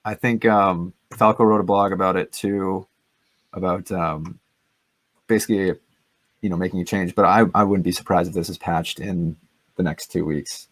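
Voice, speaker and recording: Deep, husky Canadian man. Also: fairly even intonation, moderate pace, dry recording. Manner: laid-back, agreeable, short replies. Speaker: podcast co-host. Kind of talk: casual tech chat.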